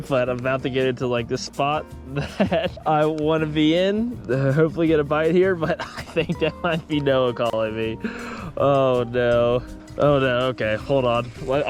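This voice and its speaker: Higher-pitched young man vlogging casually. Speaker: fishing challenge vlogger. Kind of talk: casual vlog chat to camera. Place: outdoors while fishing.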